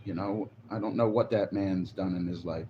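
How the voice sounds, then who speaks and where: Through a phone on a selfie stick, a forty-year-old man livestreams in a deep, dark voice with a steady tone and moderate pace. The sound is lo-fi with a little hiss or hum. He chats casually, rambles, and swears now and then.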